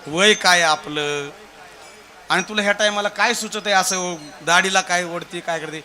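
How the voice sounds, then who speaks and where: A man's voice: high voice, normal speed, sharp tone. A man voicing a grumpy old village husband who scolds his wife with exasperated questions, told as part of a devotional sung sermon. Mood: scolding.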